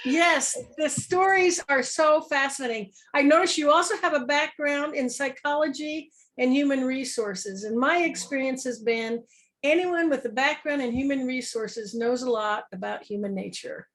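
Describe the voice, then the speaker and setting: A woman hosting a parenting podcast opens the show and interviews a guest over a video call. Her voice is high-pitched with a fairly bright tone, and she speaks deliberately, stretching key words.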